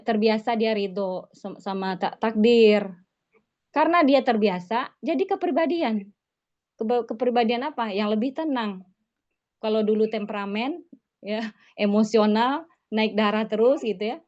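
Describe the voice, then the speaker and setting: A woman's voice: on the high side, darkish tone. A woman religious teacher giving an online lesson in a conversational way, tagging her phrases with 'gitu ya', heard over a video call. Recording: slightly muffled online call audio.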